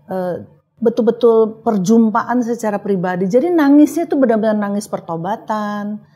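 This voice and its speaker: Warm, husky woman hosting an interview. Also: medium pitch, normal speed. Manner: reflective, summarizing the guest's story with fillers. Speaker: host. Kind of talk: interview conversation.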